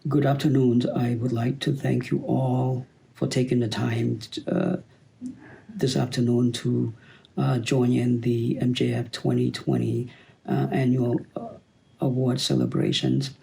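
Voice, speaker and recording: A man in his fifties with a Cambodian accent gives a halting acceptance speech, pausing often on fillers. His voice is heavily gravelly and dark, with a mellow low tone. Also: little pitch movement, low-quality recording. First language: Khmer. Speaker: award recipient.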